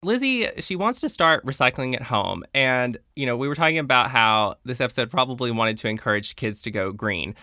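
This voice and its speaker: A man's voice: medium pitch, lively intonation, brisk, few pauses, pushed and bright, no room sound, clean studio sound. A young adult man hosting a podcast, chatting casually and retelling scenes with playful quoted lines. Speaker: podcast host.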